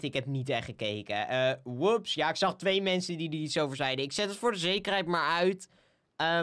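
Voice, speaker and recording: A young man with a Dutch accent hosts a live game stream. His voice sits high and sounds smooth and clean. He talks casually, stumbles over names and cheers on donors. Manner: chatty, stumbles over names, upbeat shout-outs. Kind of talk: live stream chat with viewers.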